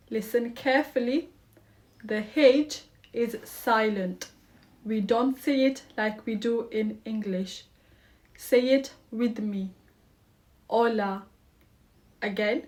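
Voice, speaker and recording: Woman teacher talking super slow to little kids, a bit high, cheery prompts. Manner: slow, clearly paced instruction for children; encouraging, upbeat prompts. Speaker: primary school teacher. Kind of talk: scripted classroom lesson.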